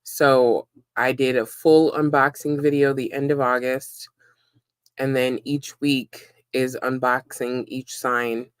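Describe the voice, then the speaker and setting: A woman's voice: very deep voice, flat delivery, slow pace, clear, resonant tone, dry recording. A woman chatting casually on a live stream while she eats and works, rambling with many ums and likes. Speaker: livestreamer and web content creator.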